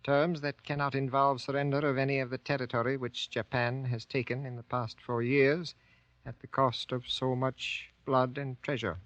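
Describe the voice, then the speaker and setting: An actor playing a guarded, courteous American-born Japanese army sergeant, speaking formally and carefully in grave 1940s radio drama style. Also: male voice, medium pitch, level tone, a bit bright, dry recording, natural voice. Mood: grave, ominous. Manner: formal, careful, deliberate diction. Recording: dull old 1940s radio recording.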